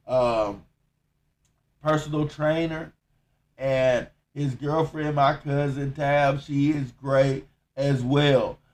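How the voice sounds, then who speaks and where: A man with a Southern accent hosting a solo podcast update, talking in a slow, measured monotone with frequent pauses and fillers. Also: a little high. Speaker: podcast host.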